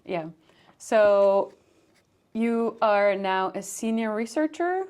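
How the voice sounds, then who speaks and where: A woman hosts a podcast with a bouncy, animated voice that swings freely up and down. She keeps the chat playful and teasing with her guest. The sound is dry and close, with no room echo. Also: mid-range voice, slow pace, clear, resonant tone. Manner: lively and playful, joking with the guest. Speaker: podcast host. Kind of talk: casual interview chat.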